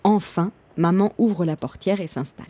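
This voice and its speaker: A woman narrating a children's storybook with an expressive, lively reading. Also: on the low side, moderate pace.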